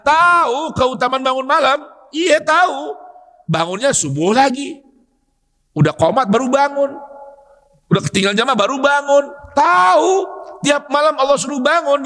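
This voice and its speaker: A man giving a dawn sermon in a mosque, teasing the congregation with questions and bursting into loud emphatic shouts. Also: high-pitched. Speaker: preacher.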